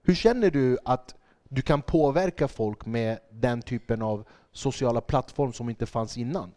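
A man's voice: mid-range voice, dark tone. A man hosting a casual podcast chat, joking and asking probing questions. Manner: joking, plays out quotes, asks probing questions. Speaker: podcast host, comedian.

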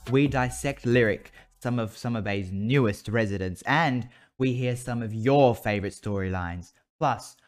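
A man's voice: mid-range voice, unhurried, hardly any pauses. An Australian man hosting a podcast, talking in a casual, chatty and informal way. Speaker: podcast host. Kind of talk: casual solo podcast chat about a TV soap.

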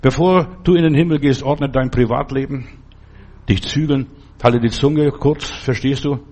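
A male preacher delivers a sermon with a slightly husky, breathy voice at a middle pitch. He speaks emphatically and turns often to the listener with direct questions and exhortations. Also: moderate pace, a little mellow.

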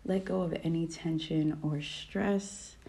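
A woman guiding a meditation in a calm, soft voice that often drops to a whisper. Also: sits low, slow, vocal fry. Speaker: podcast host. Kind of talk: guided meditation.

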